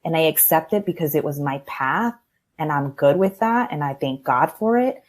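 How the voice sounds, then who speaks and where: A woman in her thirties with a low voice, talking as a guest in a relaxed podcast interview. She is candid and reflective and laughs easily. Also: moderate pace. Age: 30s. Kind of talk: casual interview talk.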